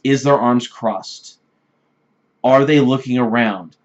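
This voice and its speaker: A man's voice: medium pitch, slow pace. Blunt man giving dating advice. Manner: blunt, repetitive, emphatic advice with frequent "right?". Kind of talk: direct-address advice vlog. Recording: slightly dull lo-fi recording.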